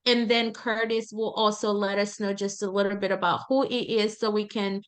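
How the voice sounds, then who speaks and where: A woman's voice: medium pitch, steady tone, normal speed, clear, resonant tone. A woman hosting a panel discussion on leadership, prompting her guests in a friendly way. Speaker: host, moderator.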